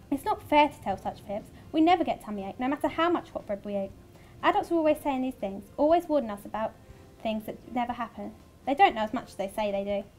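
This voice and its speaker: A woman with a fairly high voice narrates a first-person story in a chatty, lively way. A faint hiss of background noise sits under her.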